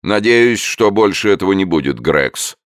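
A stern, blustering zoo director, as a man puts him on, pitched higher than the narrator and booming out his lines. His voice keeps a gravelly edge and swings widely between notes. It is a storybook figure with dry close sound. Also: huge pitch swings, unhurried, dry recording, full character voice. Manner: loud, commanding outbursts. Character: stern, easily startled male zoo director.

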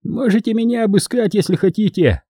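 A shifty street robber pleads his innocence in a high, whining voice, swinging up and down in pitch, as a man reading a storybook puts him on. The tone stays dark and a little husky. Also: very animated, normal speed, dry recording, clean studio sound, heavily acted. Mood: sugary. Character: shifty sly male street robber, whiny.

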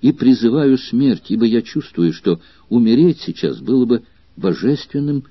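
A man's voice: mid-range voice, lively intonation, moderate pace, slightly rough, no echo, muffled recording. A man reading an ardent young gladiator. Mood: rapturous. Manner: passionate, pleading, rising outbursts.

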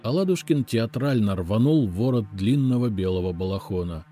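A man narrating a story in the first person, in an expressive, lively storytelling manner. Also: on the low side, moderate pace, faint music behind. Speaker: audiobook narrator.

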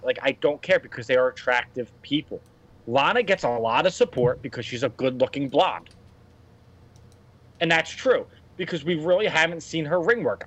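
A man's voice: a little high, a bit bright. A man in his thirties co-hosting a casual wrestling podcast, blunt and opinionated, rambling through his points. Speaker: podcast co-host. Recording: dull lo-fi audio.

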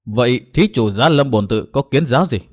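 A man's voice: medium pitch, lively intonation, a little fast, close to an everyday voice. A man voicing a stern old monk who guards a temple gate, formal and grave.

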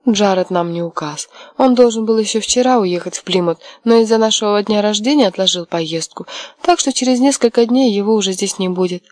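A woman voicing a headstrong, quick-tempered young wife in an audiobook, sharp and mocking. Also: medium pitch, no echo, studio quality, natural voice. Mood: resolute. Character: fiery defiant young wife, headstrong and scheming. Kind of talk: audiobook character voice.

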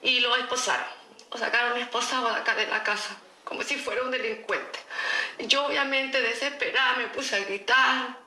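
A woman's voice: on the high side, fairly even intonation, normal speed, pushed and bright, roomy sound. A middle-aged woman with a Chilean accent gives an earnest, emphatic personal testimony in an interview, repeating herself as she recounts events. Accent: Chilean Spanish. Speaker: interviewee, mother of an accused teen.

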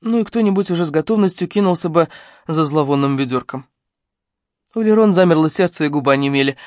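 A woman narrating a novel in a measured, even reading voice. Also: low-pitched, no echo, studio quality. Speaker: audiobook narrator. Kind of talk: scripted narration.

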